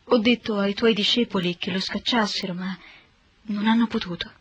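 Desperate father, earnest and husky, woman reads him; dry sound. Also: medium pitch, fairly even intonation, moderate pace, fairly bright tone, no room sound. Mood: pleading. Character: desperate father pleading for his son. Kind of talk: scripted Bible reading.

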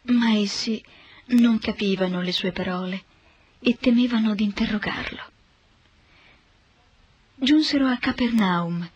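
Husky woman reading scripture. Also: a little high, no room sound, lo-fi sound. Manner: steady, measured reading. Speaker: narrator.

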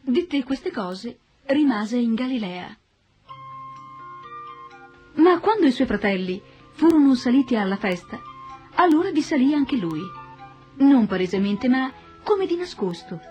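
A woman narrating a Bible passage in a steady, solemn storytelling manner. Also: sits high, measured pace, long pauses, faint music behind.

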